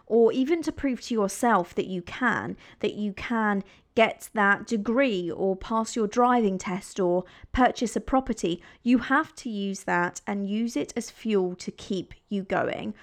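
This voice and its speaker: A woman delivers a motivational speech in a mid-pitched voice with plenty of gravelly fry. She speaks straight to the listener, urging firmly and leaning on key words with emphasis. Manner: direct, emphatic, exhorting the listener.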